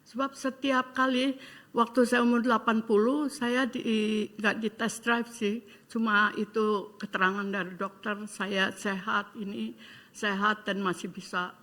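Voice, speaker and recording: A woman in her eighties, a pastor, giving a heartfelt sermon testimony with fervent, pleading prayers and hesitant pauses, mixing in English words. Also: mid-range voice, level tone, fairly bright tone. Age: 80s.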